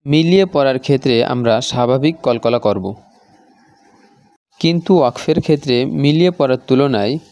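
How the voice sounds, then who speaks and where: A man's voice: medium pitch, a little mellow, no room sound. A man teaching Quran recitation rules, explaining step by step and repeating every example several times. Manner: slow, patient, repeats each example. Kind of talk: tajweed lesson.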